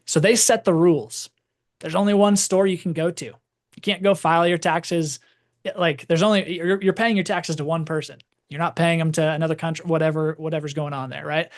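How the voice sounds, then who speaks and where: A man giving a casual, rambling storytelling talk to a live audience, peppering his speech with "like". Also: a little high. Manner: casual, rambling, heavy use of "like". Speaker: presenter.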